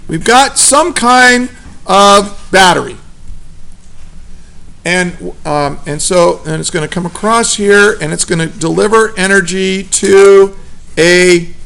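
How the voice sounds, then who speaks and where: High, gravelly male teacher, casual chatty lecture style. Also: a bit bright. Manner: casual, chatty, asks the class questions. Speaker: physics teacher. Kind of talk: classroom lecture.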